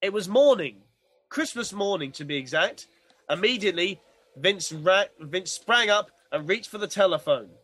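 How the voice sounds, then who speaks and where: High-voiced man reading a comedy story. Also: lively intonation, moderate pace, fairly bright tone. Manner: playful, does accents. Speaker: podcast co-host.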